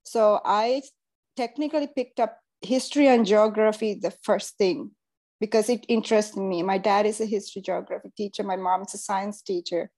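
A woman from Sri Lanka, a guest telling her life story in a relaxed, rambling way with many restarts. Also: mid-range voice, moderate pace. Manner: rambling, with frequent restarts and ums. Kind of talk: casual interview storytelling.

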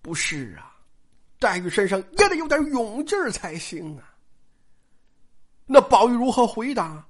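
A woman's voice: a little high, very animated, measured pace, husky. A woman storyteller retelling a classic novel in a chatty, colloquial way, often turning to address her listeners directly.

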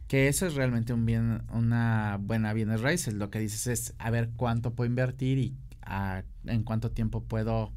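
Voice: medium pitch, fairly even intonation, unhurried, hardly any pauses, darkish tone, clean tone. A talk show host, hosting in a casual, effusive and informal way.

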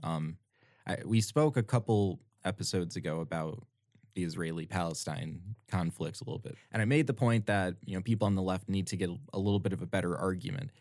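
This is a young American podcast co-host in a casual political discussion, sincere in tone and prone to repeating words when he begins a point. His low voice is a little mellow and moves fairly quickly. The studio recording is clean, with no room sound.

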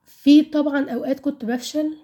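A woman's voice: sits high, fairly even intonation, a little fast, mellow. A woman of about twenty with an Egyptian Arabic accent, talking casually and candidly to listeners about personal experience, often asking questions and answering them herself. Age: around 20.

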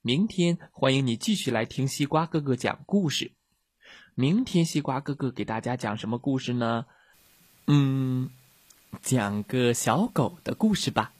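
A man narrating a children's story slowly and gently, addressing young listeners. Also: medium pitch, no room sound.

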